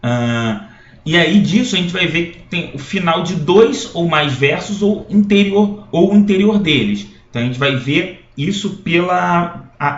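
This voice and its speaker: Man teaching a poetry lesson, echoey. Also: high-pitched. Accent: Brazilian Portuguese. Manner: explanatory, with frequent checking tags and restarts. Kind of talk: recorded classroom lecture. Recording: echoey room, dull lo-fi sound.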